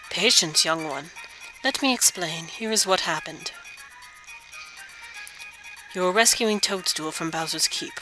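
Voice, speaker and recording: A woman puts on an elderly male frog sage for a video game. He speaks formally and patiently, like a kindly teacher, with a clear bright edge. Faint music plays behind him. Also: fairly low pitch, rough recording. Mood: grave, patient. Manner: measured, formal, sage-like phrasing with tag questions. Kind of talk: video game dialogue read aloud.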